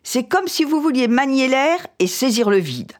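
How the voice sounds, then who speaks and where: A woman's voice: high voice, big pitch swings, voice pushed up. A woman reading aloud as a proud young wife who answers her husband with cold, dignified defiance. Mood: defiant. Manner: icy, measured, dignified defiance.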